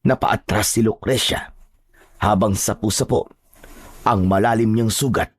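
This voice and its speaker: A man narrating a first-person horror story with steady, dramatic delivery. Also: on the low side, a little slow, breathy edge, no echo, clean studio sound.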